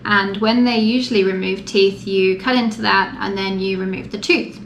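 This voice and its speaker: Female vlogger, mid-pitched, informal and matter-of-fact explainer; roomy echo, slight background noise. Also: steady tone, normal speed. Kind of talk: casual explanatory vlog to camera. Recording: echoey room with faint background noise.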